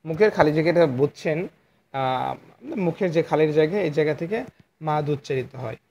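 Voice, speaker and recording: A man's voice: on the high side, a little mellow, lo-fi sound, a little hiss or hum. Patient male Quran teacher on a phone. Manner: patient, repeats letter sounds slowly for students. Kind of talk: online lesson on letter articulation.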